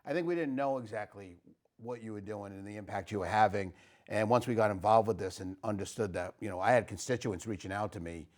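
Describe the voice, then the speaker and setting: A man's voice: on the low side, quick pace. A man hosting a local community talk show, chatty and rambling, with frequent fillers and restarts. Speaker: host. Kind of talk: casual interview.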